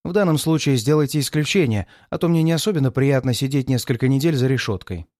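A man reading aloud and voicing a cool-headed male detective in disguise who explains his plans calmly and deliberately. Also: medium pitch, dry recording, clean studio sound, close to an everyday voice.

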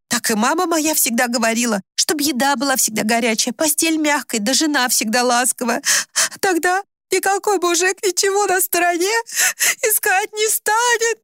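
A woman's voice: high-pitched, fairly bright tone, no echo, clean studio sound, voice pushed up. A woman voicing a timid, tearful wife in her thirties who pleads meekly. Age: 30s. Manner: pleading, meek.

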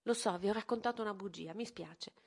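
Una donna che legge la parte di Elena, una ragazza testarda che parla con foga alla madre. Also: female voice, mid-range voice, fairly quick, creaky, slightly rough. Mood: earnest. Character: teenage girl, headstrong and defiant daughter.

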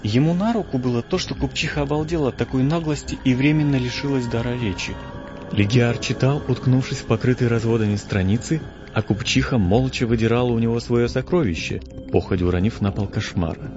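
A man narrating an audiobook in the first person, telling the story in a lively, theatrical way. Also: medium pitch, fairly quick. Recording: dull lo-fi audio with strong background music.

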